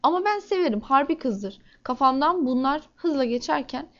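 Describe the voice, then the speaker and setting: A woman reading a first-person crime novel aloud in a steady, measured way. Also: high voice, lo-fi sound. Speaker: audiobook narrator.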